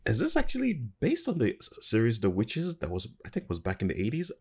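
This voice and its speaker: A man in his thirties giving casual, musing reaction commentary in a halting way, recorded on a desk mic at home. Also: mid-range voice, wildly swooping pitch, heavy background noise. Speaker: reaction video host. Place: small room at home, indoors.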